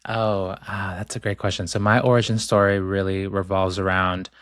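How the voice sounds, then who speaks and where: A man from Ecuador, raised in Boston, talks in a calm, reflective way with many ums. His voice is on the low side. The sound is dry, with no room at all. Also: moderate pace, no echo. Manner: calm, thoughtful, with frequent ums. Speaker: author guest. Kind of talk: reflective interview talk.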